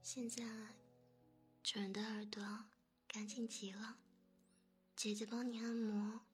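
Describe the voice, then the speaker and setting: A woman in an ASMR role-play, voicing a gentle, doting maid who soothes her master with a spa-like soft voice. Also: medium pitch, little pitch movement, takes it slowly, soft background music, close to an everyday voice. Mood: soothing, attentive.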